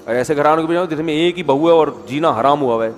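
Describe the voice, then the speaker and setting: Brief: a male preacher with a fairly high voice, chatty and questioning, in a reverberant hall with faint music. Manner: conversational, rhetorical questions, mimics people. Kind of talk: sermon.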